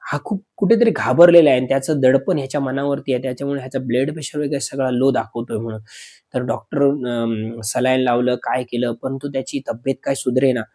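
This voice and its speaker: A man with a mellow, medium-pitched voice tells a horror story dramatically, addressing his listeners as friends. He slows down for suspense with pauses and fillers.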